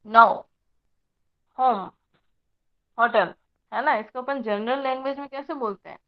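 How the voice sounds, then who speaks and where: Woman, teacher, patient explanations, online lecture, fairly high pitch. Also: fairly quick, highs cut off. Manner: patient, explanatory, checks with "ठीक है" often.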